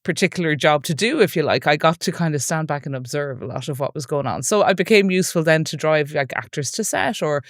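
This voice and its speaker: Here a woman in her forties, an Irish speaker from the west of Ireland with an Irish accent, talks as a film producer on a relaxed podcast interview. Her low voice moves quickly with few pauses, in clean, echo-free studio sound, as she tells stories full of asides and frequent "like" and "you know."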